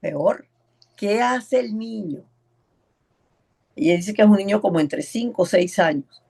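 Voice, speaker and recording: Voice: mid-range voice, animated, a little slow, vocal fry, darkish tone. A preacher teaching an evangelism class in a sermon style, stressing points by repeating words and acting out the voices in a story.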